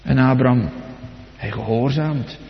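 A man preaching a sermon, dramatic and swinging between soft and loud, putting direct questions to his congregation. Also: medium pitch, unhurried, creaky. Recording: echoey hall, dull lo-fi sound.

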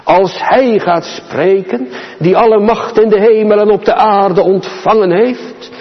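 A man preaching a sermon to his congregation, slow and solemn, with dramatic pauses and emphasis. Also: sits high. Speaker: pastor. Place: church. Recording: dull, reverberant church hall.

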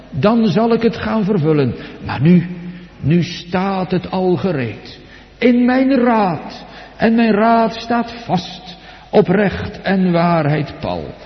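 A man with a high-pitched voice delivers a slow, deliberate sermon, dropping to near whispers and then rising to loud, ringing phrases. He puts questions straight to his listeners. The recording is dull and lo-fi, with a long reverb from a large hall. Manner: dramatic, swinging between soft and loud; addresses the congregation directly with questions. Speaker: preacher. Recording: echoey hall, dull lo-fi sound.

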